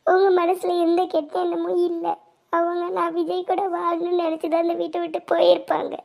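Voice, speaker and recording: A woman voicing a high, pleading young sister-in-law. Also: completely flat delivery, fairly quick, vocal fry, a little mellow, soft background music. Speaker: cartoon voice artist. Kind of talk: animated cartoon family drama.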